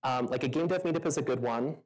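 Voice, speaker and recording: In a rough recording, a meetup speaker with a rumbling low, darkish voice talks at a quick pace. She fields audience questions from a venue stage in a loose, chatty way, using many fillers and laughing often.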